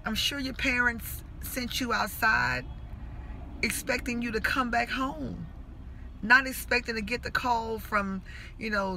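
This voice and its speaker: A woman's voice: mid-range voice, creaky, pushed and bright, slight background noise, low-quality recording. A middle-aged woman, a mother, speaking earnestly in a personal vlog monologue and making impassioned appeals to parents and young people. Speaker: mother and school worker.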